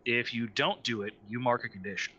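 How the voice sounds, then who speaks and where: Bright-voiced man running a tabletop game. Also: medium pitch, brisk, breathy edge, muffled recording. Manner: patient, methodical, many fillers. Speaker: game master. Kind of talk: explaining game rules. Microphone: online call mic.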